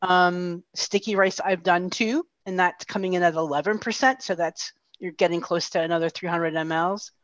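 Her voice runs on the low side, steady in tone, at normal speed with few pauses and no echo. A middle-aged woman co-hosting a casual chat from home via headset on a video call, she's friendly and chatty, using lots of fillers, over dull, dry call audio.

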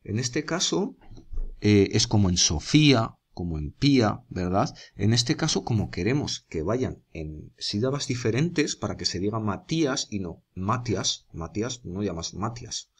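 Low-voiced teacher from Spain. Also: male voice. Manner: explains step by step, checks in with students, writes while talking. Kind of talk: classroom grammar lesson.

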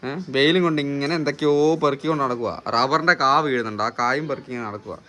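A man's voice: mid-range voice, very fast, bright, forceful tone, slight background noise. A man filming a casual family vlog at home, chatting to his viewers as guys and often tagging his lines with "you know.". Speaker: family vlogger.

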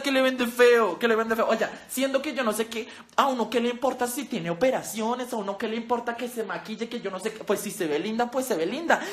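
A young woman with a Colombian accent, reacting to a video in casual, chatty commentary. Her voice sits a little high, and she teases and drops slang freely. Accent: Colombian Spanish. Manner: chatty, teasing, slangy, laughs often. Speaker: youtuber.

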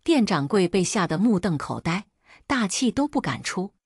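A woman narrating a classical folk tale in an expressive, dramatic storytelling manner. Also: medium pitch, normal speed, slightly rough, dry recording, clean studio sound.

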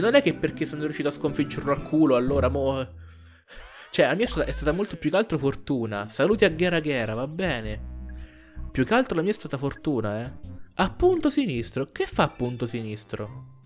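Excitable man commentating a video game. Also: medium pitch, fairly quick, soft background music. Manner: excitable, talks to himself and the game, pleads and cheers at the screen. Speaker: gaming channel host. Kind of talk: let's play commentary.

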